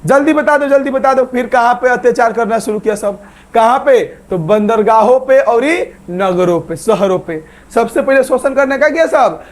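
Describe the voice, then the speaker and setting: High-voiced teacher coaxing students. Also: male voice, normal speed. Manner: coaxing, repeats questions and answers himself; asks viewers to like and subscribe. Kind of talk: casual online exam-prep lesson.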